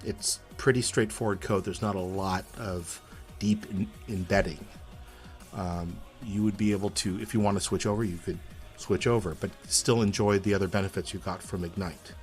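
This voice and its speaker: A man co-hosting a casual coding stream, explaining in a hesitant, halting way with many ums, with faint music behind. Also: sits low, steady tone. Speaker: co-host developer. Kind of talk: casual chat.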